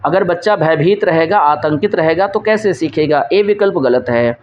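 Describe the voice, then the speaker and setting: High-voiced man teaching quiz answers. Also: normal speed, highs cut off. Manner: asks questions and answers them himself, repeats key points. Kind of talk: exam-prep lesson going through quiz questions.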